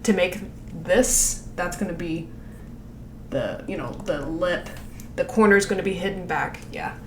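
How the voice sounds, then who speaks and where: A woman's voice: on the low side, unhurried, reverberant, slight background noise. A woman giving casual animation feedback, rambling with lots of fillers and frequent laughs. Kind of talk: casual critique over a screen share.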